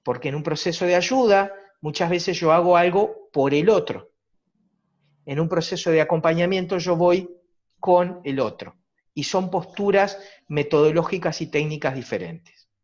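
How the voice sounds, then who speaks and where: A man's voice: on the high side, moderate pace. Uruguayan man lecturing over a dull call. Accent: Uruguayan Spanish. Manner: reflective, explanatory, rhetorical tag questions. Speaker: psychologist lecturer. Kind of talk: virtual conference talk. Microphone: video call. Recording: dull lo-fi video call audio.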